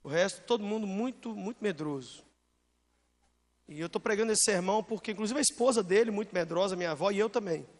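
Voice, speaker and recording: A man with a high voice preaches from the pulpit, stacking up items in a steady rhythm. The long reverb of a church hall hangs on his words. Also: fast. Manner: lists things in a steady rhythm. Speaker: pastor. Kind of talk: sermon.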